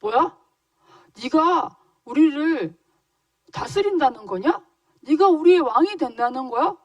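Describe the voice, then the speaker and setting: Jealous older brothers snap back loudly and indignantly in a children's storybook telling, their voices pitched up high as a woman acts them out. The sound is dry, and the speaker stands a little back from the mic. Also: animated, measured pace, dry recording, far from the mic. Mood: angry, indignant. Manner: indignant, loud and raised. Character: angry jealous older brothers, young men.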